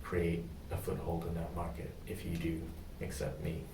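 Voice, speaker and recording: A young Indonesian man gives practice job interview answers in a deep, flat voice, hesitating often with many pauses and ums as he searches for words. He sounds far from the mic, in an echoey room with faint ambient noise.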